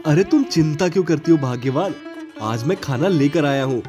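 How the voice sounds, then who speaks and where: A man voicing a poor, caring husband and father in an animated story, reassuring his wife. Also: a little high, moderate pace, faint music behind, close to an everyday voice. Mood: cheerful.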